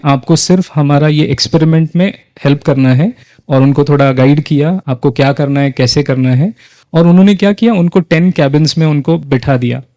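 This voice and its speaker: A man's voice: a little high, warm tone, no room sound. Man leading an interactive workshop. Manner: engages the audience with frequent questions, mixes in English phrases. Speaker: workshop facilitator. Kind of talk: interactive talk leading a group exercise.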